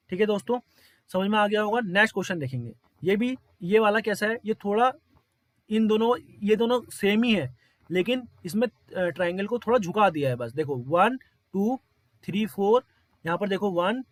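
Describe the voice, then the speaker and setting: A man's voice: sits high, no room sound. A man teaching exam figure-counting problems step by step, counting aloud and often quizzing his listeners.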